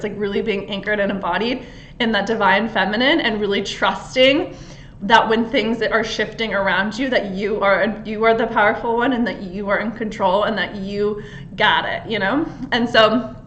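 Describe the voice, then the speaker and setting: A woman's voice: mid-range voice, fairly bright tone. Woman, spiritual coach, casual chatty astrology talk, lots of "like" and "um", roomy echo, faint room hum. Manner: chatty, filler-heavy, giggly.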